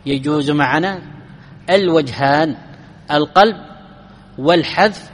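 A man giving a classical Arabic grammar lesson, explaining rules step by step, asking his students questions and chanting verses slowly. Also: a little high. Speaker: grammar teacher. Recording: long hall reverb.

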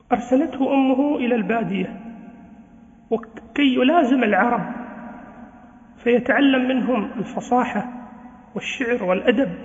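A man's voice: very high voice, a little mellow. A man preaching an earnest sermon to students, exhorting them and asking rhetorical questions. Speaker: Islamic preacher. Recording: dull lo-fi sound with long reverb.

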